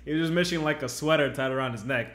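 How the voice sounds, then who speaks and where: Playful high-voiced man, faint hiss. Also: fast talker. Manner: laughing often, playful, slangy. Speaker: podcast co-host. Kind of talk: casual chat.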